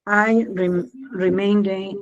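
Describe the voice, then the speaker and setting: Hesitant, slow-reading woman student. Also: mid-range voice, steady tone, dull audio. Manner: careful, hesitant reading with restarts. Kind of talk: reading sentences aloud in class.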